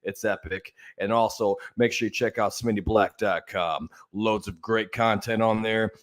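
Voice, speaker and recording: A young man hosting a casual sports podcast, chatty and loose, filling pauses with hums and fillers. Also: lowish voice, fairly even intonation. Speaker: podcast host.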